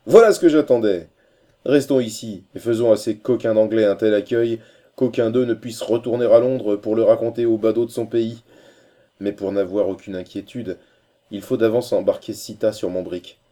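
A man's voice: sits low, moderate pace, lightly acted. Man doing a hearty fearless sea captain. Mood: rousing. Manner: hearty, lively. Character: bold Breton sea captain, jaunty and fearless.

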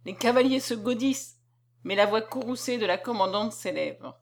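Expressive woman reading a novel aloud. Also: a little high, moderate pace, creaky, slight background noise. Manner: dramatic, expressive storytelling. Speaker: narrator. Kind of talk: literary reading.

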